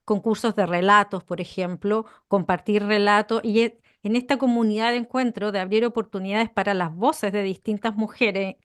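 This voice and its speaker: A woman co-host talks in a lively, conversational way, leaning hard on the words she wants to stress. Her voice sits at an ordinary middle pitch. The recording is close and dry, with almost no room sound. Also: moderate pace, few pauses, clean tone, no echo. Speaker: podcast co-host. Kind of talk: conversational explanation.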